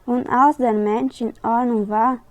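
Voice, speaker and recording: An interviewee with a southern Brazilian accent reads a short story aloud slowly and carefully, then retells it in her own words more quickly and loosely. Her voice is a little high with fairly even intonation, and there is no room sound.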